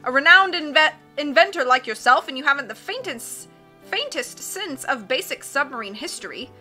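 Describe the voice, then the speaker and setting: Woman as Captain Widdershins, blustering high-pitched submarine captain. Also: lively intonation, bright, forceful tone, soft background music, full character voice. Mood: boastful, loud. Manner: roaring, self-contradicting, rapid changes of mind. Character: blustering, excitable, scatterbrained male submarine captain.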